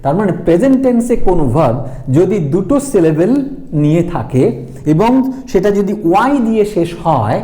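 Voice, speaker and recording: A man with a Bengali accent teaching English grammar, slowly repeating and spelling out words and switching between Bengali and English. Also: high voice, expressive, mellow. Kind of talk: classroom grammar lesson.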